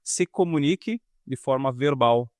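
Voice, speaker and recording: Podcast host, male, mid-pitched, guiding tone, dry close sound. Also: unhurried, no echo. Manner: guiding, addresses listeners with tips. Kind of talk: casual conversational podcast.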